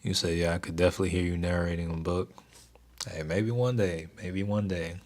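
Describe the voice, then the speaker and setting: This laid-back young stock trading streamer speaks fairly quickly yet keeps his delivery even, reading viewer chat aloud during casual conversation. His voice is deep, soothing, and even.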